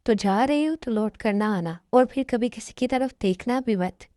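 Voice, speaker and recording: A calm, wise young woman, voiced by a woman in an amateur dubbed love story, speaking in poetic advice. Her tone is fairly high and mellow, and the sound is dry and close. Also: normal speed, no room sound, lightly acted. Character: young woman on a date, wise and self-sacrificing.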